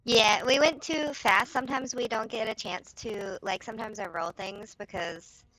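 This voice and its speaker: A woman's voice: on the high side, moderate pace, fairly bright tone, no echo, low-quality recording. A woman playing a tabletop game, talking casually and peppering her speech with fillers. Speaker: player.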